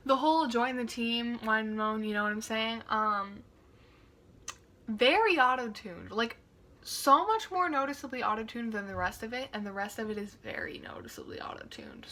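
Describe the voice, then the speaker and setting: A woman's voice: fairly high pitch, lively intonation, moderate pace, pushed and bright. A young woman giving casual reaction commentary, chatty and wry, full of "like" fillers and amused asides. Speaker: video reactor.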